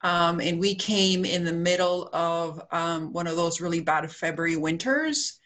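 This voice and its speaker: Chatty Peruvian-born woman with low voice. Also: a little slow, a bit bright. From Peru. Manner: chatty, many fillers. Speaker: guest, centre co-owner. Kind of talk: casual interview talk.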